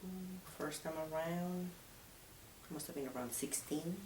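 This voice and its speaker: A woman's voice: low voice, a little slow, recorded from a distance. A woman in her fifties from Venezuela with a Venezuelan Spanish accent, a native Spanish speaker answering interview questions in a hesitant, thoughtful way. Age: 50s. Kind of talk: casual interview. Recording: echoey room, from the mic, faint hiss.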